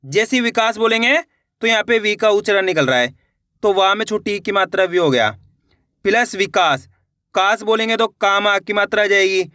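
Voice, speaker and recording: A man teaching a step-by-step spelling lesson, repeating each word slowly and asking and answering his own questions. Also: sits high, sharp tone, dry recording, studio quality. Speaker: Hindi reading teacher.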